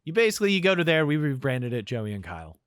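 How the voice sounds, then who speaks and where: A man's voice: fairly high pitch, big pitch swings, fast, smooth, dry recording. A young man co-hosting a podcast in casual chat, rambling loosely with lots of "like" fillers. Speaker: podcast co-host.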